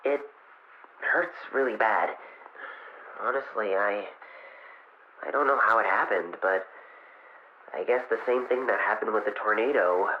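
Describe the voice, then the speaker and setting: A man's voice: on the low side, measured pace, pauses often, lightly acted. A man playing Tails as a young fox adventurer, recording a hesitant, vulnerable expedition log in an audio drama. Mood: weary, uneasy. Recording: dull lo-fi recording with noise, clicks.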